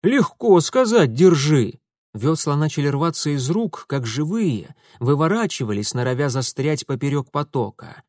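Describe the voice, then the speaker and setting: A man's voice: medium pitch, lively intonation, normal speed, few pauses, no room sound, studio quality. A man reading an adventure story aloud with dramatic, rhythmic storytelling. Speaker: audiobook narrator. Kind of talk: scripted audiobook narration.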